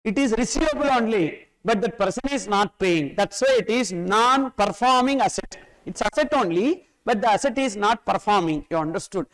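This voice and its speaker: Male lecturer, South Indian accent. High, crisp voice, explains emphatically through repeated questions and examples. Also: lively intonation, moderate pace, hardly any pauses, fairly bright tone, rough recording. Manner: emphatic, repeats phrases, asks and answers own questions. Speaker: tax course teacher.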